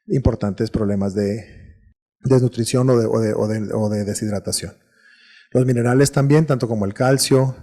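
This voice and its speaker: A man with a Mexican Spanish accent delivers a recorded medical lecture at a steady, explanatory pace. His voice sits at a middling pitch with a mellow, dark tone. He often stumbles, repeats words and restarts his sentences.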